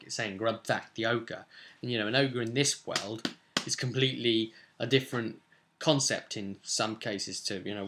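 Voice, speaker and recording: A young British man with a mid-range, sharp-toned voice sits at his desk in a small room at home. As a vlogger and game master, he gives a chatty, emphatic recap of a session to camera, telling it like a gesturing storyteller.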